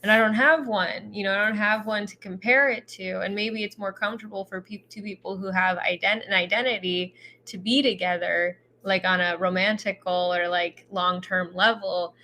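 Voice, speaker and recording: A woman's voice: medium pitch, fairly even intonation, moderate pace, few pauses, pushed and bright, a little hiss or hum. A woman co-hosting a podcast, musing reflectively in a casual chat with lots of filler words. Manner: reflective, filler-heavy, thoughtful. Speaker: podcast co-host.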